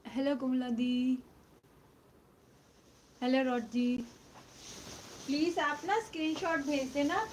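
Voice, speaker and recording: A middle-aged woman selling used silk sarees on a live stream from home, speaking loudly into her phone and repeating the prices. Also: high-pitched, slow, pauses often, slight background noise. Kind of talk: live-stream sales chat. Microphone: phone mic, no external microphone.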